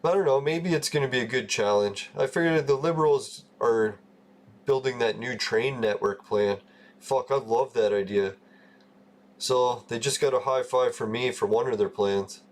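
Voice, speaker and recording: A man's voice: medium pitch, moderate pace. A man in his forties from Canada, chatting casually and loosely on a gaming livestream, swearing often and laughing at his own stories. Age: 40s. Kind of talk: casual rambling chat.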